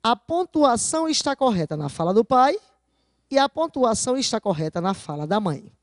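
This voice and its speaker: A woman teacher going over exam answers in a video lesson, often asking her class rhetorical questions and slowly stressing key words. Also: on the high side, big pitch swings, dry recording, clean studio sound.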